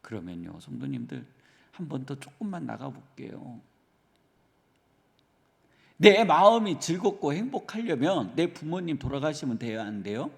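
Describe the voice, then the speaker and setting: A man's voice: a little high, huge pitch swings, moderate pace, creaky, long pauses. A male pastor giving an early-morning sermon, earnestly asking his congregation rhetorical questions. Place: church sanctuary. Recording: reverberant church hall.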